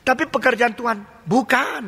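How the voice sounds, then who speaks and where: A man's voice: very high-pitched, normal speed, vocal fry, bright, forceful tone, breathy edge. An older male pastor with an Indonesian accent, preaching a sermon full of rhetorical questions, mock dialogues and colloquial asides. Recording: long hall reverb.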